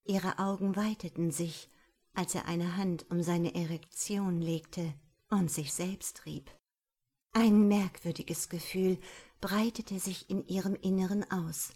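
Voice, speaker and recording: Woman, audiobook narration, breathy, half-whispered, very slow. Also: on the low side, fairly even intonation, warm tone.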